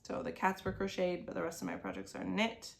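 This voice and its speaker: A woman in her thirties with a low-side voice, vocal fry and a flat, fairly quick delivery hosts a crafting video podcast from her home sewing desk. Her cold leaves her sniffly as she chats casually, meandering and talking around things with lots of "like."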